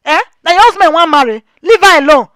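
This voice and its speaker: A woman with a Nigerian accent hosting a talk show, giving lively commentary with rhetorical questions. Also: extremely high pitch, fast talker, dry recording. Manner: animated, rhetorical, mixes Pidgin and Yoruba. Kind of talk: casual commentary monologue.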